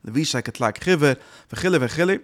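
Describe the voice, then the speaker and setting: A man giving a Torah lecture with an animated, chant-like delivery, repeating words and breaking into sudden loud bursts. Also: fairly high pitch, fast talker. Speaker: Torah teacher. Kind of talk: Yiddish-inflected Torah lecture.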